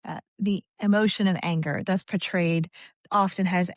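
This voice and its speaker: A woman's voice: fairly low pitch, fairly even intonation, normal speed, dry recording, clean studio sound. A woman co-hosting a podcast, chatting in an upbeat, encouraging way about workplace leadership. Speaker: podcast co-host. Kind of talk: casual podcast chat.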